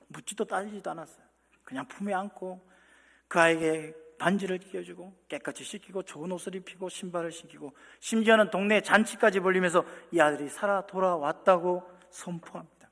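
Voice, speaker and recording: A man preaching a sermon as pastor, talking straight to the congregation with questions, moving between hushed near-whispers and loud impassioned peaks. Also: high voice. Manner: addresses the congregation directly with rhetorical questions. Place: church sanctuary. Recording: long hall reverb.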